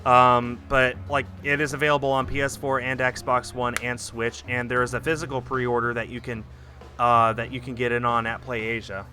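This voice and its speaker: A man streams a game and talks casually, thinking aloud as he works. His voice is mid-pitched, with loud music playing behind it. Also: level tone, moderate pace.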